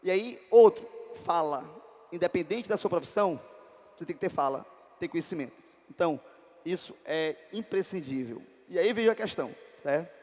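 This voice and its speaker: A man's voice: on the high side, expressive, normal speed, a little mellow, big-room sound. A Brazilian man teaching an exam-prep language lesson, constantly asking his students to confirm with short tag questions. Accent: Brazilian Portuguese. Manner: peppers talk with tag questions.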